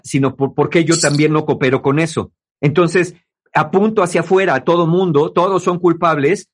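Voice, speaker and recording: A man hosting a talk on relationships, explaining to his listeners in a lively way. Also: a little high. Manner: lively, acts out quoted people in mocking voices. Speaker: host giving relationship advice.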